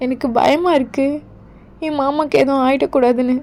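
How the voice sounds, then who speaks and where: A woman playing a gentle, fearful young queen. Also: high voice, steady tone, moderate pace. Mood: pleading. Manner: pleading, soft and gentle. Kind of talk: Tamil fan audio drama.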